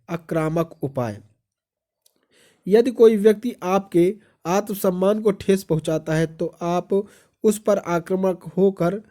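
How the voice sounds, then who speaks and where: Hindi exam-prep teacher, mellow dark voice, quizzes then answers each point. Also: male voice, high-pitched. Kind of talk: exam-prep lesson reading notes aloud.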